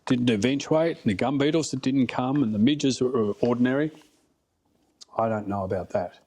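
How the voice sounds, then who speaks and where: With a mid-range, dark-toned voice at a moderate pace, a middle-aged Australian man tells casual stories on a podcast as a fly fishing guide. His style is blokey and plain-spoken, leaning on emphatic repetition.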